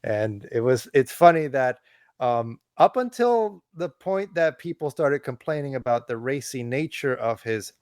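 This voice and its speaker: A man's voice: on the high side, no echo, clean studio sound. A man co-hosting a podcast who recounts a news story in a casual way. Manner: explains the story, with many fillers and restarts. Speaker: podcast co-host.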